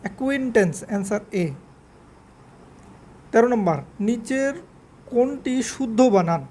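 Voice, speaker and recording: A woman teaching English spelling in a quiz lesson, repeating each word slowly and spelling it out letter by letter. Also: on the high side, expressive, dark tone, a little hiss or hum.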